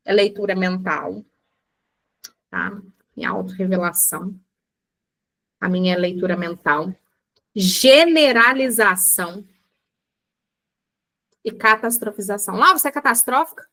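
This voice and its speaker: This Brazilian psychologist's mid-range voice is animated and sharp, moving slowly with frequent pauses. In a chatty online lecture for a book club class, she speaks with a Brazilian Portuguese accent, calls listeners "gente," and acts out everyday examples.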